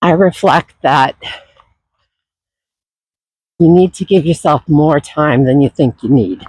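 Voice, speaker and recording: A man talking casually and reflectively while out running, his voice breathy and still husky from a recent illness, with sighs and pauses. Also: on the high side, darkish tone, dry recording, poor audio. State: voice not fully recovered from illness, husky. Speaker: running vlogger. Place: outdoors on a trail.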